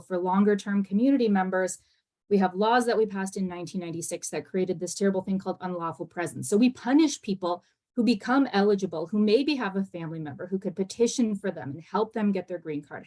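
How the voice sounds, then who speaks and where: A woman immigration lawyer answering on a panel discussion over a video call, speaking quickly and earnestly with many fillers and restarts. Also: mid-range voice, dark tone. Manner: fast-talking, earnest, with frequent fillers and restarts.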